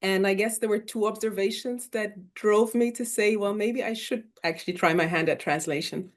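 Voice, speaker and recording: A woman's voice: medium pitch, normal speed. A woman who grew up in Kenya, speaking as a literary translator on an online panel, thoughtful and hesitant with many fillers and restarts. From Sierra Leone and Uganda, raised in Kenya. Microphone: video call.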